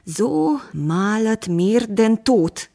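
A woman voicing a desperate, henpecked male farmer who whines and pleads loudly. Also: fairly high pitch, sing-song, very slow, heavily acted. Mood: pleading. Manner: whining, pleading, raised voice.

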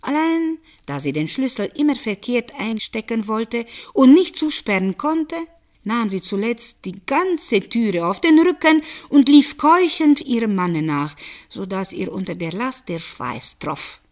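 Storyteller: woman, expressive fairy tale reading, bright lively pitch. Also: measured pace.

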